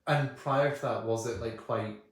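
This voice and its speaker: A man co-hosting a podcast, telling stories in an animated, casual way with quick asides. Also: mid-range voice. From United Kingdom. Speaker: podcast co-host. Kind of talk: casual film chat. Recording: echoey room.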